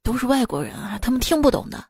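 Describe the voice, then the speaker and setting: A woman's voice: fairly high pitch, big pitch swings, quick pace, darkish tone, breathy edge, no room sound, studio quality. A woman hosting a radio joke show, telling jokes casually and acting out the quoted lines, often laughing at her own punchlines.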